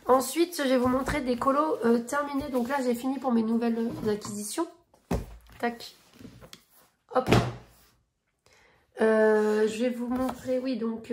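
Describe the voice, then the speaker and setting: A woman in her thirties with a slightly high voice, with a little hiss or hum on the recording. In her coloring vlog she chats casually, showing coloring books and finished pages, gushing and rambling with many fillers and restarts.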